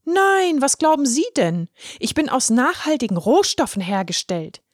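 A small, shy boy in a children's storybook speaks in a high, bright little voice, as a woman narrator puts him on. He sounds timid yet earnest and sincere. The recording is close and dry. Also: lively intonation, normal speed, no room sound, close to an everyday voice. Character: shy young drinking straw boy. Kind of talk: storybook reading.

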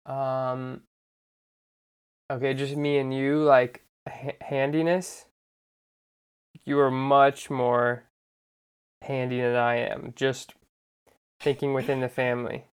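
A man's voice: medium pitch, flat delivery, slow, pauses often, smooth. A young man co-hosting a podcast in a casual, conversational chat. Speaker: podcast co-host.

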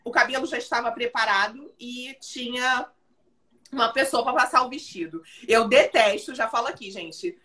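A woman's voice: on the high side, moderate pace. A woman, a makeup artist telling stories with dramatic flair in casual podcast chat. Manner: animated storyteller, dramatic and laughing.

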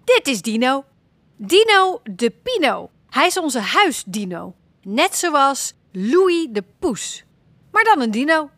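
A woman voicing a bold, chatty young girl in a children's audio story, talking lively and decisively. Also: high-pitched, takes it slowly, dry recording, full character voice.

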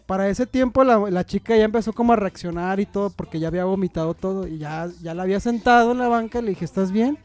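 A young man with a Mexican Spanish accent tells a long, meandering story among friends, with plenty of slang and filler words. His voice sits high for a man, and soft music plays faintly behind him. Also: quick pace, hardly any pauses. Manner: rambling anecdote with slang and fillers. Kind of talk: casual storytelling chat.

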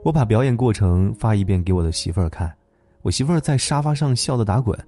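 A man hosting a late-night story program, narrating a gentle tale in a calm, tender way. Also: lowish voice, fast talker. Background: soft instrumental music.

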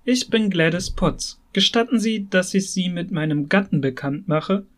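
A man's voice: sits high, animated, normal speed, a bit bright. A man voicing a cool, polite young wife. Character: young married woman, polite, cool and detached.

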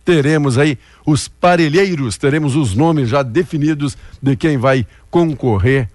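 A man's voice: on the high side, a little slow, darkish tone, dry recording. Male news presenter, dry studio sound. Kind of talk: headline reading mixed with casual banter.

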